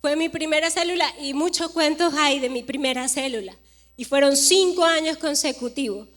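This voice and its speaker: A woman pastor in her forties preaching a sermon, telling a personal story with animated delivery and acted-out dialogue. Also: high voice, moderate pace. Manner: animated storytelling, acting out dialogue with emphatic rises.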